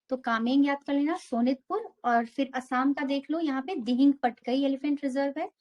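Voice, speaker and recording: A young woman with a high voice teaches a geography lesson for exam prep, walking through a map step by step while mixing English terms into her Hindi.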